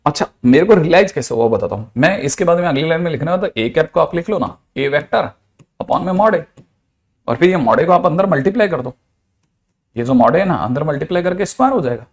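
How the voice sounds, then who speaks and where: A man's voice: on the high side, lively intonation, fast. A man, a physics teacher giving a chatty, playful lecture. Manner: chatty, playful, with mixed Hindi-English math terms.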